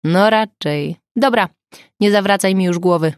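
A woman voicing a grumpy, sarcastic older male forensic pathologist in an audiobook, talking in a gruff grumble. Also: medium pitch, unhurried, no echo, studio quality, lightly acted. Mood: grumbling. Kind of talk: audiobook character voice.

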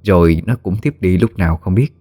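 A man narrating a horror story in a steady, measured way. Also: sits low, dry recording, faint music behind.

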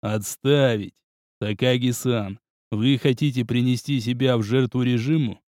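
A man's voice: mid-range voice, fairly even intonation, a little mellow, dry recording, clean studio sound, voice pushed down, natural voice. A man voicing a stern, cunning male military academy instructor who speaks formally. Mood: cold, formal. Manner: measured, cold, formal.

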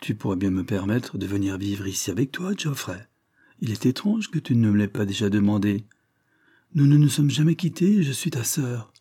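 A man voicing a chattering young woman, a lord's sister, with a twittering little voice that gushes on without pause. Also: lowish voice, expressive, mellow, husky. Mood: pleading.

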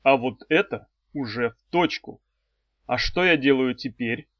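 Male reader doing a mocking, commanding demon mentor: firm, loud, dry. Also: medium pitch, a little slow, no room sound, natural voice. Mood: threatening. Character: stern sardonic demon swordsman mentor, man. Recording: dry, slightly dull audio.

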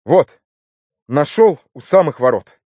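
An excitable young man, as a male audiobook reader puts him on, pitched well up and rushing his words. He sounds eager and pushy, with lots of lift in his delivery. The recording is dry and close. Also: slightly rough, dry recording, exaggerated voice. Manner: breathless and pushy.

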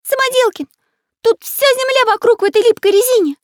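A narrator voicing an excited little male pencil-man artist in a storybook reading, shouting shrilly in a very high voice. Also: a little fast, no room sound, studio quality. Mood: alarmed shouting.

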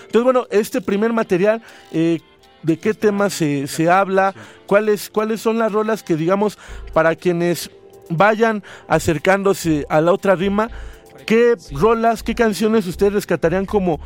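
A man's voice: high-pitched, unhurried, faint music behind. A man, a radio host who reads a story expressively and then chats with guests. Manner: expressive reading, voices quoted lines loudly. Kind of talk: dramatic story reading, then casual radio chat.

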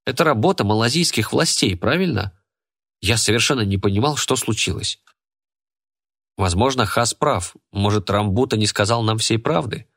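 A man reading a first-person story aloud as an audiobook narrator, in an even, measured way. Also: lowish voice.

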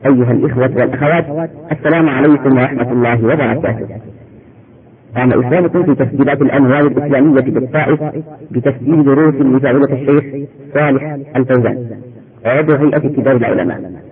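A man reading a scripted introduction to recorded lessons as an announcer, in formal standard Arabic. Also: medium pitch. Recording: phone-like lo-fi tape, crowd noise.

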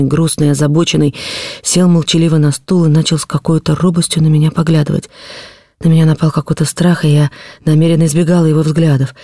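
A woman's voice: low voice, gravelly, dark tone, no echo, studio quality. A woman reading a classic novel aloud as an audiobook, narrating in the first person with feeling.

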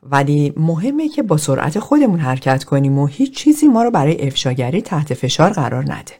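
Calm therapist cautioning his group, read by a woman, lively pitch. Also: heavily acted. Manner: calm, advising.

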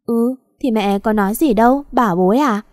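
A woman's voice: on the high side, fairly quick, darkish tone, no room sound, close to an everyday voice. Doting fashionable rich mom in her 40s, cooing and gushing, read by a woman, dry. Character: stylish, doting rich mother in her forties.

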